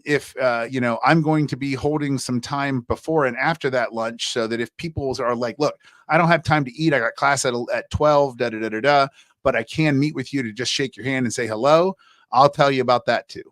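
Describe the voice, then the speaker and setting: Casting: chatty male college instructor on a livestream, mid-pitched voice, dry close mic, rambling and friendly. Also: brisk, a bit bright, no room sound. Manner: chatty, loose, many fillers and restarts. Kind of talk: casual livestream class talk.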